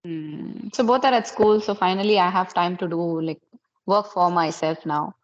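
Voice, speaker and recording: With a voice on the low side and a normal pace, a woman in her thirties patiently guides conversation practice question by question, keeping her questions simple. She's from Karnataka, grew up speaking Kannada, and has an Indian accent in English. The sound is lo-fi.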